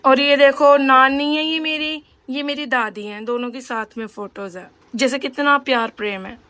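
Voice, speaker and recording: A woman's voice: sits high, fairly even intonation, moderate pace, sharp tone, no room sound. A young woman vlogging in a casual, rambling way, chatting straight to her viewers. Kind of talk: casual vlog chat.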